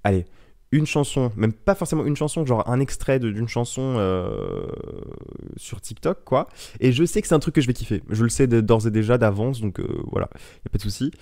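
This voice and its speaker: A man's voice: medium pitch, lively intonation, a little fast, warm tone, no echo, studio quality. A young man hosting his own podcast, chatting casually in a rambling, digressive, self-mocking way into an old microphone. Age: young adult. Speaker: podcast host. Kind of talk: casual solo podcast chat. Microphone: ten-year-old microphone.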